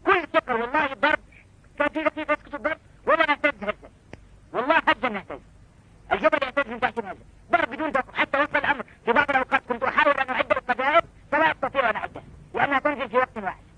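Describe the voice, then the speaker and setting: Male preacher, very fast and bright-voiced, exhorting the crowd on a lo-fi old tape. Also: very high-pitched. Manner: exhorting, with rhetorical questions to the audience. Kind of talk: fervent preaching lecture.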